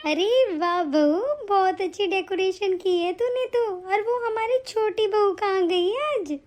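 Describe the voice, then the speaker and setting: A woman's voice: extremely high pitch, unhurried, a little mellow. A woman doing a fretful doting mother-in-law. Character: fussy affectionate older mother-in-law. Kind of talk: animated story voice acting.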